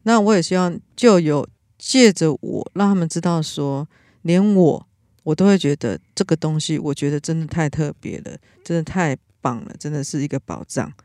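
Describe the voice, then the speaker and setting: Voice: mid-range voice, moderate pace, darkish tone, no echo, studio quality. A podcast host, talking in an earnest, reflective and rambling way in casual chat.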